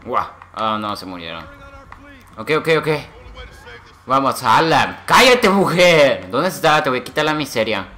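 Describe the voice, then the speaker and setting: A man giving excitable gameplay commentary, swearing and making gun noises. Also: mid-range voice, a little slow, long pauses. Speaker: gamer playing a shooter.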